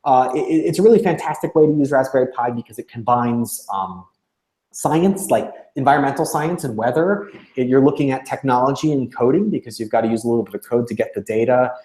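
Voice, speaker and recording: A man of middling pitch talks through event plans in a casual, informative way. He stops and starts a lot, filling gaps with "uh" and "um". His voice bounces around an echoey room. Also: dark tone. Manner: halting, many fillers and restarts. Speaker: organization representative on a livestream.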